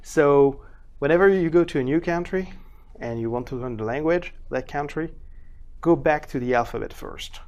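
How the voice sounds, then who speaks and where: Guy with a gravelly voice teaching pronunciation, english isn't his first language, stretches out the sounds. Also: mid-range voice. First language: not English. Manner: demonstrates sounds in several accents, stretches words slowly. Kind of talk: casual spoken lesson to camera.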